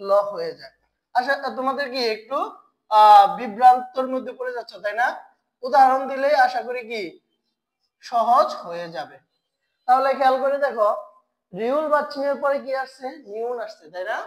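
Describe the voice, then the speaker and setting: In a roughly recorded online lesson, a high-pitched woman teaches Korean pronunciation. She poses questions, supplies the answers herself, and slowly repeats key sounds so her learners can follow.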